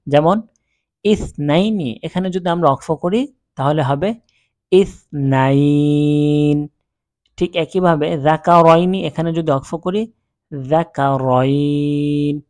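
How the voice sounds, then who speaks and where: Patient male Quran teacher, fairly high voice. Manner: spells out letters, then recites words slowly and drawn out; patient, checks in with the viewer often. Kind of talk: step-by-step recitation lesson.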